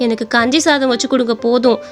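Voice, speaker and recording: A woman's voice: fairly high pitch, fairly even intonation, fast, faint music behind, close to an everyday voice. A woman voicing a young daughter-in-law who talks in a whiny, insistent way.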